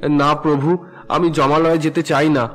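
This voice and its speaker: A drunken cartoon husband, voiced by a man speaks in a fairly high voice, gruff and demanding one moment and desperately pleading the next. Music plays softly behind him. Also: little pitch movement, normal speed, lightly acted. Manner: demanding and gruff with his wife, pleading with God. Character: drunken husband, male, bullying then repentant.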